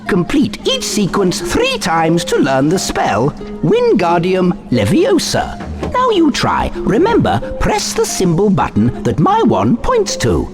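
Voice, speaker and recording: An excitable little wizard professor, whose pitch swoops wildly. He is fussy, theatrical and encouraging, teaching in game dialogue over music. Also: slow, exaggerated voice. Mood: welcoming. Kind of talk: scripted video game instruction.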